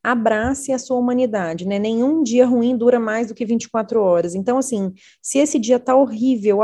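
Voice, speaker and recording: Earnest Brazilian woman with a mellow voice. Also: mid-range voice. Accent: Brazilian Portuguese. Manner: earnest, animated storytelling. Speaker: parent educator. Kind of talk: conversational interview talk.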